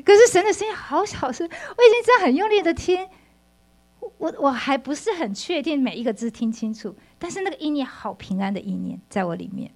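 A woman's voice: sits high, big pitch swings, brisk, a little mellow. A middle-aged woman giving an earnest, emotional church testimony, often restarting her sentences. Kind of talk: personal faith testimony.

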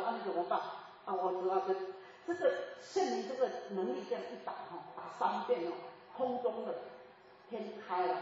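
A woman in her seventies preaching a sermon, telling a lively story with laughter and bursts of chanted lines. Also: on the high side, a little hiss or hum. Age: 70s. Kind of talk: sermon testimony. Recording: echoey hall from far off, dull.

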